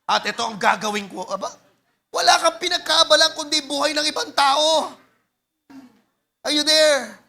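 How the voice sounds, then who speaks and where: A man's voice: very high-pitched, moderate pace, creaky, long pauses, sharp tone. A man with a Filipino accent preaching a sermon in a call-and-response manner, mixing Tagalog and English. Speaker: pastor.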